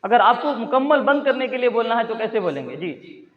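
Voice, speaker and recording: High-voiced male teacher drilling a class. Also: sing-song, a crowd in the background. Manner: prompts students and repeats their answers, then translates. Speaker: Arabic teacher. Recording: dull lo-fi classroom recording. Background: students in the room.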